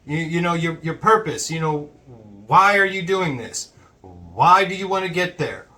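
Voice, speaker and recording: A man's voice: a little high, lively intonation, a little slow, pushed and bright, far from the mic. A man co-hosting a casual podcast reaction, blunt and laid-back in tone. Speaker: podcast co-host.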